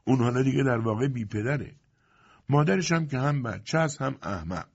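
A sharp, practical middle-aged merchant wife with a brisk, scolding way of talking a man voices her. The voice sits higher than the reader's own and comes through a dull, lo-fi audiobook recording. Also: expressive, creaky, slightly rough.

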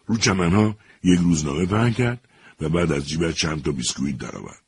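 A man with a very low, deep voice reads a story aloud in a measured, even way. His narration is steady and deliberate. A faint hiss runs beneath the recording. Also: vocal fry.

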